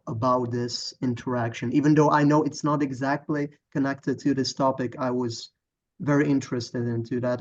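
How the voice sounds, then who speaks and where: A hesitant man from the Czech Republic asks a question over a video call, his voice flat and even. He pauses often to search for words and apologizes. The call audio is dull and lo-fi. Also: medium pitch. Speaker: student asking a question.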